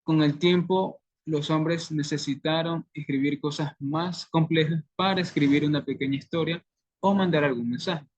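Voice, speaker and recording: A man giving a class presentation, reading out definitions in a slow, measured way. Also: fairly high pitch, fairly even intonation, lo-fi sound.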